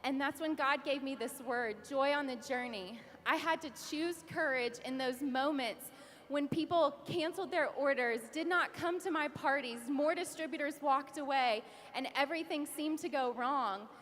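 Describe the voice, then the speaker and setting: A woman's voice: sits high, normal speed, fairly bright tone. Emotional young woman in a large hall. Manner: heartfelt, emotional, laughing through tears. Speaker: award speaker. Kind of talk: recognition speech. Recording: reverberant hall with audience.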